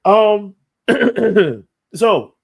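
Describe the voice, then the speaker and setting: Speaking very slowly in a high voice that's creaky with a breathy edge, this American man co-hosts a sports podcast. He's casual, animated, and self-deprecating, frequently thinking aloud.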